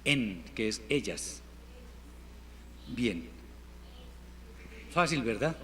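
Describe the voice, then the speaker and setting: Slow, patient Spanish-speaking teacher in a hall. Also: male voice, mid-range voice, very animated, pushed and bright. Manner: patient, repeats words slowly for students. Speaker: Hebrew teacher. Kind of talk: classroom language lesson. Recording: reverberant hall, faint room noise.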